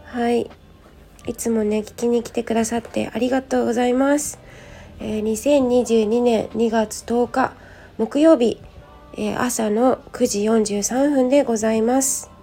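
Woman, gravelly morning hoarseness, high-pitched, polite rambling host, casual audio diary, music behind. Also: mellow. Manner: polite, rambling, thinking aloud. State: hoarse from just waking up. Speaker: host of a personal audio show and tea and clay teacher. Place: at home. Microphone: smartphone.

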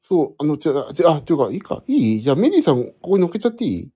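A man's voice: on the high side, very animated, very fast, warm tone, husky. A man hosting a casual solo podcast, rambling and correcting himself as he thinks aloud while fiddling with his phone. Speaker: podcast host. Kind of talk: casual solo chat to listeners.

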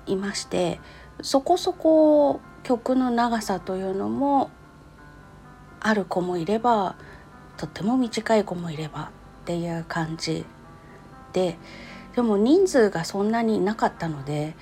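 A woman's voice: mid-range voice, warm tone. A woman with a cute, anime-like voice talks casually and politely in short phrases, recounting her experience in a personal audio diary.

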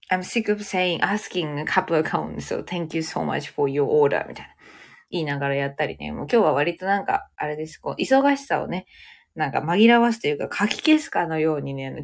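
A chatty woman talks through her day in a casual solo podcast. Her voice sits slightly low but swings widely in pitch, and she animates stories by dropping into English phrases. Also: expressive, fast, vocal fry. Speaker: podcast host.

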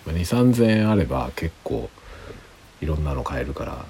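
Tipsy male streamer, very low pitch, lively intonation, quiet rambling late-night chat. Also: a little fast, a little hiss or hum. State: drinking alcohol, tipsy. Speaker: livestream host.

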